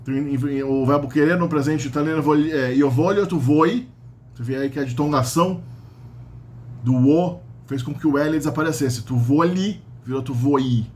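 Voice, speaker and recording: With a medium-pitched voice and slight hiss or hum in the background, a Brazilian Portuguese-accented man teaches grammar casually, explaining each step and frequently adding the tags "né?" and "tá?" He is a language teacher.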